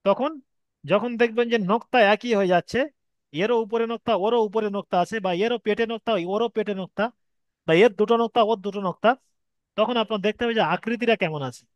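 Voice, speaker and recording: Man, Bengali accent, high voice, dry close sound, patient step-by-step teacher. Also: fast talker, no echo, dull audio. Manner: patient, explains step by step, drags out vowels to demonstrate. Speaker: Arabic reading teacher. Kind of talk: online Quran reading lesson.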